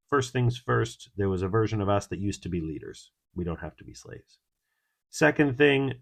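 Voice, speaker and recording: A man giving a solo Torah commentary, reflective in tone, with Hebrew and Kabbalistic terms and sudden emphatic rises. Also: on the low side. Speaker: Torah teacher.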